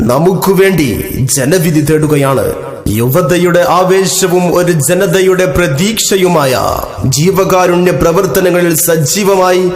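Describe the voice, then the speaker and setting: Campaign announcer, male, through a loudspeaker: high, flowery, sing-song, echoing, music underneath. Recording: echoey with long reverb. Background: music bed.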